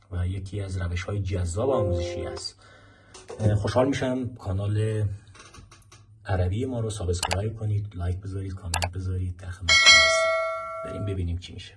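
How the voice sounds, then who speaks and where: A man teaching a language lesson, explaining film clips and slowly repeating phrases for learners to practice. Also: on the low side, heavy background noise.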